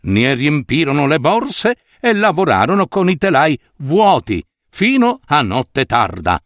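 A man reading a fairy tale aloud, expressive and playful, with occasional asides. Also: on the high side, a little slow, no echo. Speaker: storyteller.

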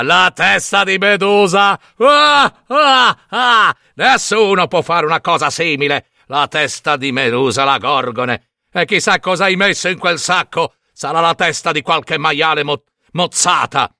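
A man's voice: fairly high pitch, moderate pace, sharp tone, dry recording, clean studio sound. Man playing a scornful, bullying king. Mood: mocking, shouting. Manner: mocking, scornful. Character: arrogant, cruel adult male king.

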